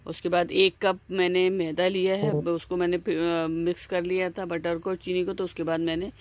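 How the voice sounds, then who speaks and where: A cooking channel host guides viewers through a home dish in casual, step-by-step fashion. Her voice is on the low side, delivered flatly at a normal speed, and she's chatty and repetitive with lots of "aa" fillers and restarts.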